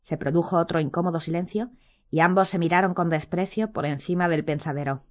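A woman reads a fantasy audiobook in scripted narration, her voice sitting a little low. She keeps an even, steady storytelling pace. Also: brisk.

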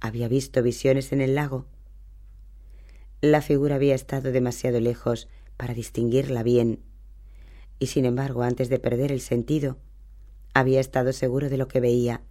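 A man reading a novel aloud as an audiobook narrator, in steady, even storytelling. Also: mid-range voice, moderate pace, long pauses. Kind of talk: scripted narration.

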